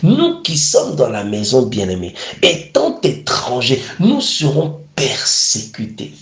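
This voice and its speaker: A man's voice: mid-range voice, wildly swooping pitch, takes it slowly. A man preaching a sermon, emphatic and repeatedly calling his listeners beloved. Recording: echoey room.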